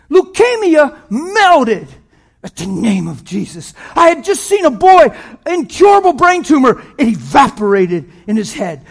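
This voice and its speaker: A man in his fifties with a strikingly high voice and a lively, bouncing delivery preaches a sermon. He is a pastor telling stories, laughing often and swinging between near-whispers and shouts. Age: 50s. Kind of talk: sermon storytelling.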